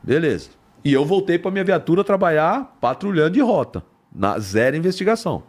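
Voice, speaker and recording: A man's voice: on the high side, big pitch swings, brisk. An older man, a retired police officer telling a story in a podcast interview, acting out the dialogue and swearing casually. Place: podcast studio.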